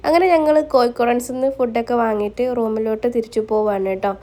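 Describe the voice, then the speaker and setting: A woman narrates a casual vlog. Her voice sits a little high. She talks in Malayalam and drops English words into it as she goes. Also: fast, warm tone, a little hiss or hum. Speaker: vlogger.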